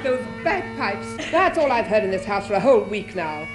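An actress playing an exasperated, sharp-tongued woman of the household, complaining melodramatically and scornfully in radio sitcom style. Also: medium pitch, sing-song, normal speed, music in the background, close to an everyday voice. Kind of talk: studio radio sitcom acting.

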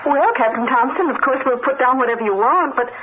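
A woman playing a brisk, kindly hospital nurse in old-time radio drama, reassuring and professional in manner. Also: high voice, lightly acted. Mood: tactful, puzzled. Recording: muffled, noisy old radio recording.

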